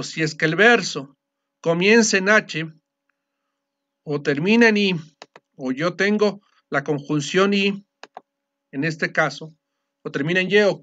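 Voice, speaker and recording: Male teacher, high voice, patient step-by-step explainer, dull lo-fi recording. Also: fairly bright tone. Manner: explanatory, often checks understanding with a quick question. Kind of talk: classroom lecture.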